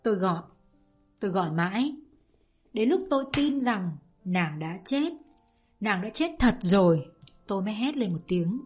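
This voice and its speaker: A woman narrating a novel aloud in the first person, with an emotional, expressive delivery. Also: medium pitch, normal speed, pauses often, slightly rough, faint music behind. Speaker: audiobook narrator. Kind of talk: dramatic reading of a novel.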